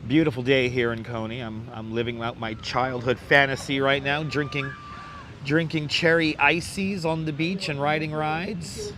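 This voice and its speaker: On an outdoor phone livestream from a beach boardwalk, a hoarse man welcomes his viewers by name again and again in a casual chat. His crackly, squeaky voice is fairly bright and measured in pace, with faint city and traffic sounds caught by his clip-on wireless mic.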